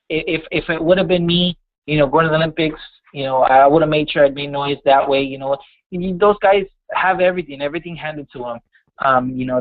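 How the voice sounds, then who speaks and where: A man's voice: on the high side, dry recording. A man in his twenties, a boxer giving a casual phone interview, speaking earnestly and confidently in short bursts. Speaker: professional boxer being interviewed. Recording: muffled phone line.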